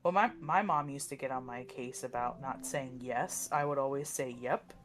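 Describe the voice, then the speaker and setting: A woman in casual chat, relaxed and easily amused. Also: very deep voice, normal speed.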